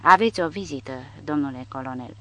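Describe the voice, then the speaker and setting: A man reading the part of a kindly old prison guard who talks in a gentle, polite way. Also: on the high side, natural voice.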